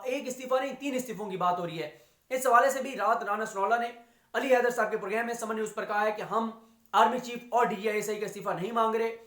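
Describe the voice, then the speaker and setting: A man's voice: very high-pitched, fairly bright tone. Rhetorical male political commentator, roomy sound. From Pakistan. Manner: rhetorical, stacks repeated phrases with frequent "uh" fillers. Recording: roomy echo.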